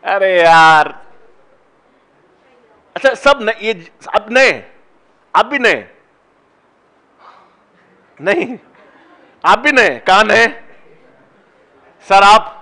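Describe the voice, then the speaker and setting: Teacher, male, high bright voice, coaxes students to try answers in a classroom. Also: lively intonation. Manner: coaxing, encouraging students to answer; slow, deliberate when explaining steps. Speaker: biology teacher. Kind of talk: classroom lecture with student questions.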